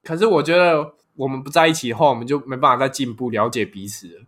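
A man's voice: medium pitch, fast talker, a bit bright. A young man with a Taiwanese Mandarin accent, chatting casually as a podcast co-host, joking crudely and laughing a lot as he tells a story. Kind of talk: casual chat.

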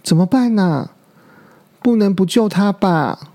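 A man's voice: high voice, lively intonation, slow pace, warm tone, pitched above the performer's own voice, full character voice. Man doing indignant baby ankylosaurs. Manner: indignant, protesting. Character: four indignant baby ankylosaurs, sulky and resentful.

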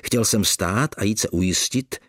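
A man narrating an audiobook with expressive storytelling. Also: lowish voice, dry recording, studio quality. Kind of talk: audiobook reading.

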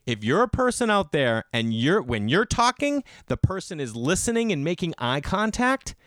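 Male solo podcaster, casual and opinionated ranter. Lively, wide-ranging delivery, emphatic bro slang and cursing, recorded dry. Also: fairly high pitch, moderate pace, no room sound. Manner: swearing, bro-style slang; rhetorical questions answered by himself. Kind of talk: casual ranting monologue. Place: garage.

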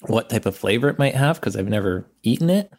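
A man's voice: medium pitch, lively intonation, brisk, darkish tone. A man on a casual podcast from home over a remote call, describing the taste of a beer and hedging as he goes. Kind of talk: casual chat.

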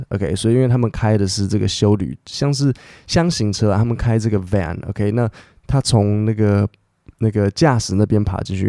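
A man's voice: lowish voice, gravelly, warm tone, dry recording, clean studio sound. A man hosting a casual English lesson podcast, spelling words letter by letter and chatting with many fillers. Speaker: English teacher podcast host. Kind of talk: bilingual English lesson, reading news and explaining words.

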